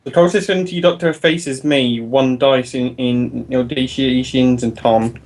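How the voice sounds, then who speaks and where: A man's voice: mid-range voice, steady tone, unhurried, darkish tone, poor audio. Dry-joking male tabletop player. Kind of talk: casual tabletop play.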